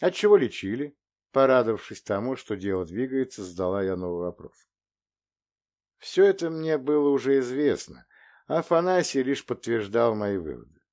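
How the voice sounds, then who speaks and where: A man narrating a detective novel in the first person with steady, even storytelling. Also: on the low side. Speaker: audiobook reader. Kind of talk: scripted narration.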